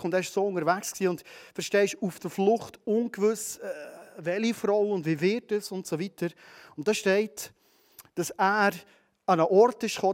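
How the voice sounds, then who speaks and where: A man with a Swiss German accent preaches in a conversational way. He speaks straight to his listeners in a high voice. He often asks them questions. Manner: conversational, addresses listeners directly. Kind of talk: sermon.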